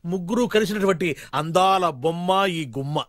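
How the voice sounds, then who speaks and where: An actor playing a chatty, scheming middle-aged marriage broker who flatters his clients, giggles and cracks rhyming jokes in a film comedy scene. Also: high-pitched, moderate pace, natural voice. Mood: wheedling.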